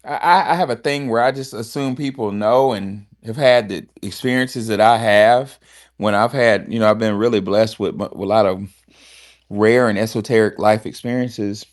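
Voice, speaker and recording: A man from Alabama, hosting a casual talk show in a blunt, animated manner. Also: on the low side, normal speed. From Alabama, USA. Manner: animated and blunt, with frequent restarts and swearing. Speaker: host.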